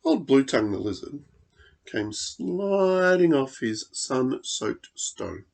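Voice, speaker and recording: Slow, expressive man reading a storybook. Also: mid-range voice, gravelly. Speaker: storybook reader. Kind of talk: expressive children's story narration.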